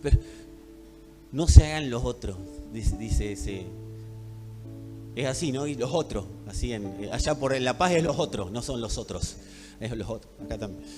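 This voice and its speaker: Animated Rioplatense pastor preaching. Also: male voice, mid-range voice, moderate pace. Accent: Rioplatense Spanish. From Buenos Aires, Argentina. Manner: emphatic, swings from hushed to loud, addresses congregation directly. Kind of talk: sermon. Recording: echoey hall with faint music.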